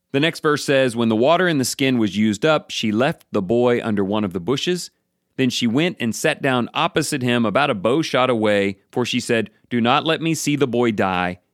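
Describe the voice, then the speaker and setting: A man gives a Bible devotional in an earnest, direct way, as if talking to one listener. His voice sits at a middle pitch. The sound is dry and close, with no room echo. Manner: earnest, speaks straight to the listener. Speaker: devotional speaker.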